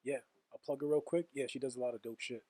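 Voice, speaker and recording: A man co-hosting a podcast in casual chat, playful and teasing and quick to laugh. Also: mid-range voice, fairly even intonation, warm tone, dry recording. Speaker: podcast co-host.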